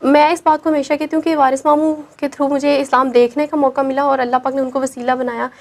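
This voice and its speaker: A woman's voice: high-pitched, little pitch movement. A young woman telling her personal story as an interview guest, earnest and emphatic.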